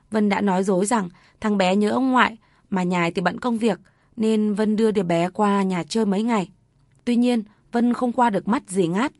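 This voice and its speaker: A woman's voice: medium pitch, no echo. Woman narrating a story, dry close sound. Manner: steady, measured storytelling.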